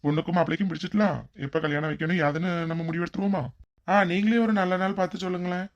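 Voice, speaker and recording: A woman's voice: lowish voice, steady tone, very fast, muffled recording, voice pushed down, natural voice. A woman voicing a middle-aged father arranging his son's wedding, speaking politely. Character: groom's father, middle-aged man, agreeable.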